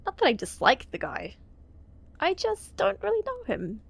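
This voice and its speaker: A woman reading a visual novel game aloud as a let's play, giggling and dropping quick, casual asides with some swearing. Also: extremely high pitch, wildly swooping pitch, vocal fry.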